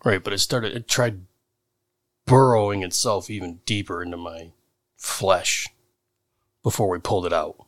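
A man's voice: low-pitched, fairly even intonation, moderate pace, long pauses, a bit bright, no room sound. A man playing a tabletop roleplaying game, chatting casually in and out of character.

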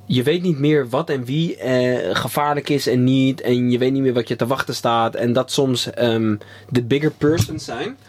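Husky-voiced man, slangy and rambling. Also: medium pitch. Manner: rambling, pauses with ehm, slang-heavy storytelling. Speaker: podcast co-host. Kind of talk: casual chat.

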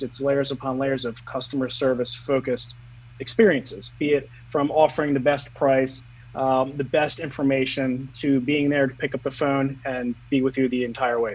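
A man speaking as the founder of a company in a casual interview, earnest, slowing down on key words. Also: medium pitch, slightly rough, low-quality recording.

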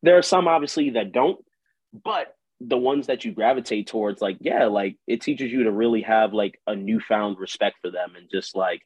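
A man's voice: on the low side, moderate pace, darkish tone, husky, no room sound. A man talking casually as an interview guest, loose and slangy, leaning on "like" as he goes. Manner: slangy, loose, heavy use of "like". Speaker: interview guest, musician and writer. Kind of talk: casual conversational interview talk. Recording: dull lo-fi close dry audio.

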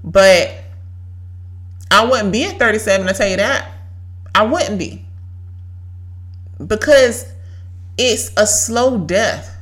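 A woman's voice: mid-range voice, slow pace, pauses often, a bit bright. A woman, giving an emphatic, preachy faith talk as a podcast host and repeating lines for effect. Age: 30s. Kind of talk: faith-based motivational talk.

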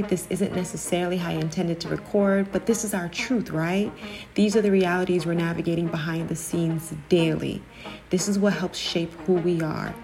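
A woman's voice: lowish voice, vocal fry. A woman from New Jersey hosting a podcast, upbeat and emphatic, laughing easily in casual chat. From New Jersey, USA. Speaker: podcast host. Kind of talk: scripted intro then casual chat.

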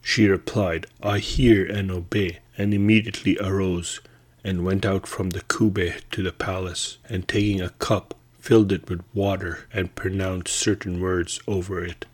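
A man reading an old tale aloud as storyteller, at a measured, steady pace. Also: low voice, slightly rough.

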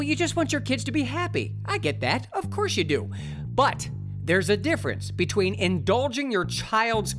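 Sarcastic talk host with lively pitch. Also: male voice. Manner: sarcastic, mocking, animated. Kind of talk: opinionated commentary monologue.

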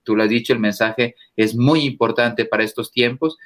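Emphatic priest speaking forcefully. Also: male voice, steady tone, moderate pace. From Mexico. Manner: emphatic, forceful, rises in pitch when stressing points. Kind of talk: interview guest, impassioned preaching talk.

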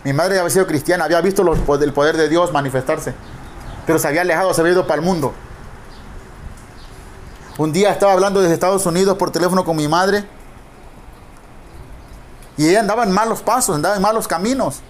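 Give me a middle-aged man delivering an emphatic sermon in a high voice, stretching words for stress. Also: a little hiss or hum. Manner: emphatic preaching, stretching key words slowly. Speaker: pastor.

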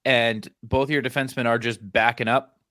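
A man's voice: mid-range voice, flat delivery, a little fast, sharp tone, dry recording, studio quality. A man co-hosting a podcast, chatting casually about sports in a wry, easygoing way. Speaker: podcast co-host.

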